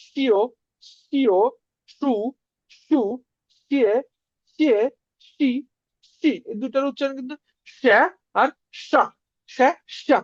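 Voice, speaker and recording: A woman's voice: sits high, a little mellow, dry recording. A woman teaching a beginner language lesson, repeating sounds one by one and quizzing the listener on word meanings. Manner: drills sounds with repetition and quizzing questions. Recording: dry, muffled lo-fi sound.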